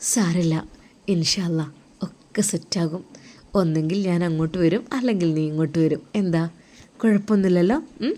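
A woman voicing a gentle, coaxing young husband. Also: on the low side, brisk, natural voice. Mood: soothing. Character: tender young husband abroad, consoling his wife. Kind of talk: storytelling role-play.

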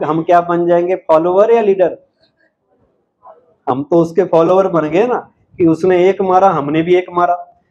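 A spiritual speaker with a high-pitched, darkish voice addresses an audience, posing questions and answering them himself with emphasis. His delivery is unhurried and emphatic, on a slightly dull, lo-fi recording.

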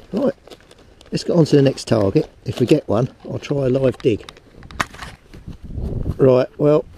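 A man's voice: medium pitch, mellow. A man casually narrating his metal detecting on a beach, chatting and rambling to a head-mounted camera outdoors. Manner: chatty, rambling, talks to camera while digging. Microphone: head-mounted action camera. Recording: wind-buffeted outdoor action-camera audio. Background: wind and sea noise.

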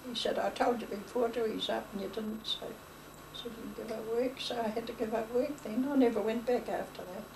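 An older woman recalls the past in a chatty, wandering way, voicing every bit of remembered dialogue. Her voice sits a little high with a gravelly crackle. She is heard from a distant mic over a faint hiss. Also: brisk. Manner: rambling, chatty, retells dialogue, laughs. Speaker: interviewee. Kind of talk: oral history storytelling.

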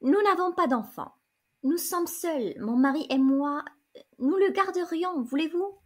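A woman's voice: high voice, animated, a little slow, voice pushed up. A woman voicing a spoiled young lady who pleads in a trembling, broken voice, in a storybook reading. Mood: pleading.

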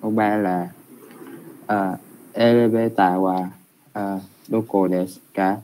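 A young man student answering over a computer mic in an online class. His voice is low and mellow, and he speaks slowly and hesitantly with many pauses. The delivery stays flat. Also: a little hiss or hum, rough recording. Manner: hesitant, halting with fillers. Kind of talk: reading answers aloud in class.

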